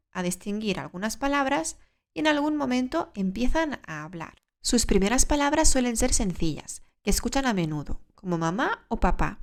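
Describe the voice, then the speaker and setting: A woman presents a podcast lesson for learners of Spanish. Her voice sits a little high, and she explains things in a clear, measured way, often turning to the listener with a question. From Spain. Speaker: Spanish teacher and podcast host.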